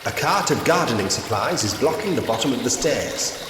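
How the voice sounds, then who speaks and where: Somewhat fast and animated, a mid-range male voice close to everyday speech portrays a game protagonist, a curious, polite man exploring a haunted Victorian house. In scripted point-and-click voice acting, he narrates his actions with brief, wry, pensive and observant remarks to himself. The recording is noisy, drenched in long echoing reverb, with music underneath.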